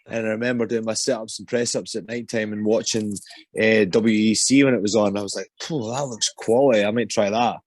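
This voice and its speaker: A man's voice: on the low side, steady tone, brisk, no echo. A young Scottish man, an MMA fighter, answering interview questions casually and hesitantly, with many ums and restarts. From Scotland.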